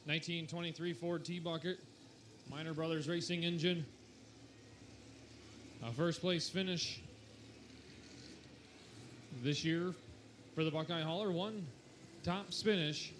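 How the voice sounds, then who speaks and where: A man announcing a tractor pull live, with showy, drawn-out calls and repeated numbers. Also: on the high side, steady tone, slight background noise. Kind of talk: live motorsport announcing over a PA.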